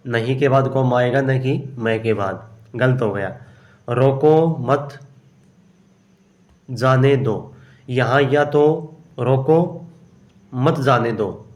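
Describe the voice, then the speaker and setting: Slow, unhurried man explaining answers. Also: medium pitch. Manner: explains step by step, asks and answers himself; slow and unhurried, often says "okay". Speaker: exam prep teacher. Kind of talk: solving a grammar test aloud.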